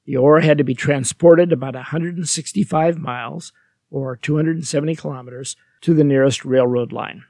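A man narrating a scripted history lesson, steady and explanatory, with lighthearted dry asides to the viewer. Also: on the high side, normal speed, vocal fry, no echo.

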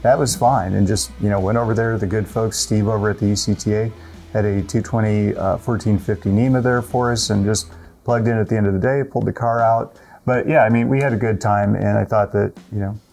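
A man's voice: on the low side, steady tone, a little fast, gravelly, a little mellow. A middle-aged man in a studio chatting in an easygoing, self-deprecating way. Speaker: co-host. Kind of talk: casual studio conversation. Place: indoor studio with a car.

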